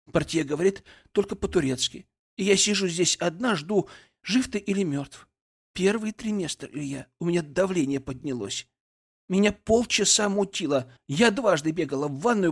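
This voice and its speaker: A young pregnant wife, hoarse and upset, as a man reading the story acts her out. Her voice is lifted well above his own and sounds husky. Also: high voice, voice pushed up, full character voice.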